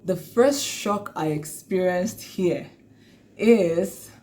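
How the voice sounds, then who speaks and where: A Nigerian woman vlogger chats casually to the camera for her viewers, laughing often and using many fillers. Her voice is fairly low and warm, and she speaks extremely slowly.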